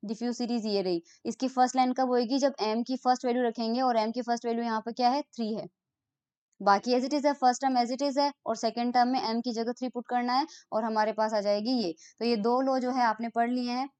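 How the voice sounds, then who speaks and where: A woman gives a physics lecture in a smooth, resonant voice pitched a little high. She walks through formulas step by step. She reads definitions slowly, then explains them again in plain terms. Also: fairly even intonation, darkish tone, dry recording. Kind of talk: recorded online lecture.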